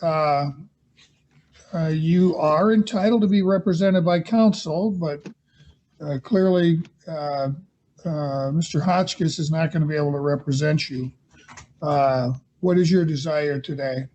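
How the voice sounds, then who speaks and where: A man presides as judge over a court hearing held on a video call, speaking in a measured yet hesitant way full of fillers. His voice is on the high side with a darkish tone, and the audio has its highs cut off.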